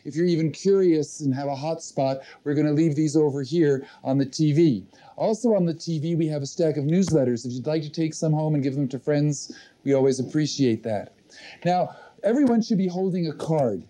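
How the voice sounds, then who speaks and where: A man with a deep, mellow, very dark tone that sits a little high in pitch leads a live motivational seminar. He speaks slowly and deliberately, repeating his key phrases and drawing them out for emphasis. He guides the room calmly. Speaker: firewalking seminar leader.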